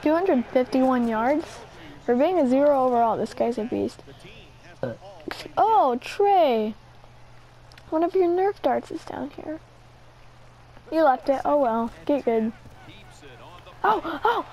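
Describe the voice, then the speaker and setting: A woman playing a video game and commentating excitedly, shrieking and squealing at every play, with a sore throat. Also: high voice, slow pace, long pauses, highs cut off, slight background noise. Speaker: gamer. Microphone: headset mic near the ear.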